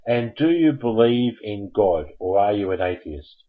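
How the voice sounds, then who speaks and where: A man's voice: fairly low pitch, animated, unhurried, narrow, tinny audio. A man hosting a live call-in stream, chatting casually and jokingly coaxing viewers to phone in. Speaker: host of a live call-in show.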